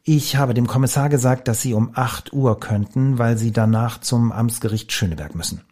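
Man voicing an excited chatty secretary. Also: medium pitch, husky, close to an everyday voice. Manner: hurried, eager to pass on news.

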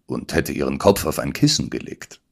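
A man reading an audiobook voices a calm, dryly ironic male detective who speaks with innocent-sounding irony. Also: rumbling low, moderate pace, vocal fry, breathy edge, exaggerated voice. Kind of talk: audiobook character voice.

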